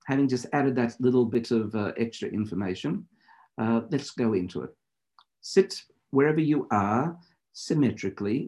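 A man teaching meditation in deliberate, measured phrases, in the instructive style of a spiritual lecture and guided practice. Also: mid-range voice, dark tone.

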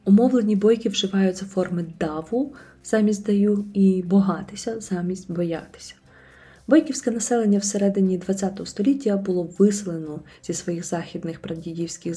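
Woman reading her podcast script, low dark voice, super clear and smooth. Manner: calm, measured reading. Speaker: podcast host. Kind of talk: scripted narration.

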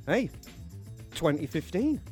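A man's voice: on the high side, very animated, takes it slowly, darkish tone, soft background music. A man with an English accent hosting a live radio show, joking and chatting in casual banter with his co-host in the studio. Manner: joking, chatty, self-mocking.

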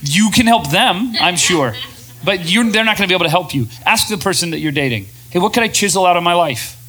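A man co-hosting a talk show, speaking in a casual, animated way to a room of listeners and slipping into quoted voices. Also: high voice, a little fast, rough recording. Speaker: podcast co-host. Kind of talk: casual talk to a live audience. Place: room with an audience.

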